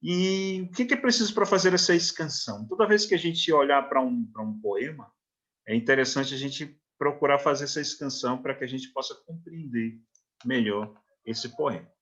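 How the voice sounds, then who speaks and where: Teaching literature in a recorded online lecture, a Brazilian Portuguese-accented man reads verse syllable by syllable and checks in frequently with short questions. His voice is mid-range with a sharp tone.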